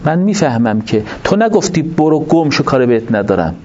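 Guy giving a religious talk, lively up and down voice, asks the crowd questions, muffled recording w a bit of noise. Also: fairly high pitch. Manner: animated, explanatory, uses rhetorical questions. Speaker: religious lecturer. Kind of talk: religious lecture to an audience. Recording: dull lo-fi recording with faint noise.

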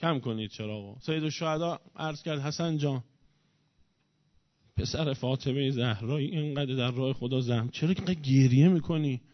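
A man preaching a mourning sermon, his lament swelling from soft telling into loud grieving cries. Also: medium pitch, no echo. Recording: dull, dry, muffled recording.

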